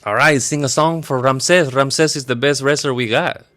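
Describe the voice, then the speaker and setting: A man voicing a pompous older male wrestling promoter who gives slow, booming commands. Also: fairly even intonation, fairly bright tone, lightly acted. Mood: bossy.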